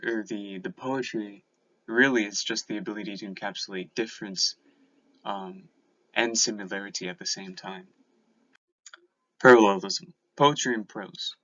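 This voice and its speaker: A man's voice: fairly low pitch, a bit bright. A young man giving a lesson on biblical poetry, reading out points and then explaining them with frequent ums and restarts. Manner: hesitant, many ums and restarts when explaining. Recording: slightly dull, lo-fi sound.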